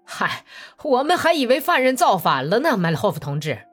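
A woman voicing an excited male Cossack guard who talks in loud, high, exclaiming bursts. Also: moderate pace, faint music behind. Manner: shrill, exclaiming, high-pitched.

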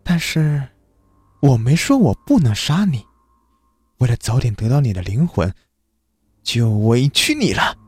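A cruel soul-stealing demon woman, put on by a man in a raised voice that swings up and down with icy scorn. Her taunts are cold and deliberate. The sound is dry and close, with faint music underneath. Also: on the high side, huge pitch swings, dark tone, breathy edge, dry recording, pitched above the performer's own voice, heavily acted. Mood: cold, mocking.

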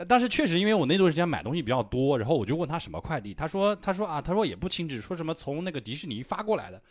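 Male host, fast, expressive, mid pitch, laughs easily. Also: no room sound. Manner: animated, laughs through anecdotes. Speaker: podcast host. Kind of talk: casual storytelling chat.

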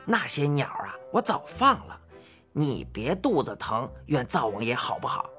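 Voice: mid-range voice, big pitch swings, normal speed, pushed and bright, faint music behind, voice pushed down. A storyteller voicing a cheeky, fearless eccentric old man who banters in colloquial speech. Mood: teasing.

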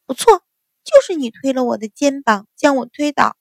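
Woman doing a shrill spoiled young girl. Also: takes it slowly, no room sound, studio quality. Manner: shrill, shouting, stammering.

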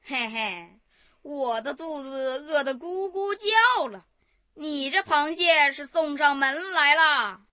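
A boastful, bullying male tiger, put on by a woman storyteller, blusters in slow, stretched-out words. The voice stays high and bright but takes on a growly edge. He sounds like a storybook bully. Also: animated, slight background noise, full character voice. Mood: gloating. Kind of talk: bedtime story character voice.

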